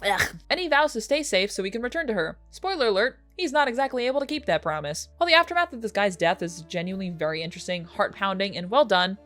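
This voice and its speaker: A young woman reviewing films in casual chat, sarcastic and swearing freely, with sudden jumps up in pitch for jokes. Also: animated, quick pace, a bit bright, faint music behind. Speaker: film reviewer.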